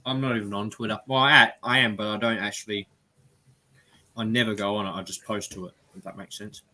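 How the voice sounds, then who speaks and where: Man, Australian accent, live-stream host, casual chat, bright voice, rambling. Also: lowish voice, steady tone. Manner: chatty, rambling, quick bursts of speech.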